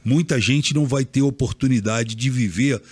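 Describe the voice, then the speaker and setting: A man's voice: mid-range voice, normal speed, breathy edge, no echo. Nostalgic, swearing man, dry close sound. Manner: nostalgic, profane. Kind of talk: casual chat.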